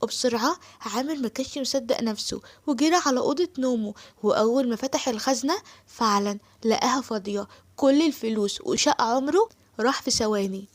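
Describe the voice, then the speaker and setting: A woman with an Egyptian accent narrating an animated story briskly and dramatically. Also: a little high.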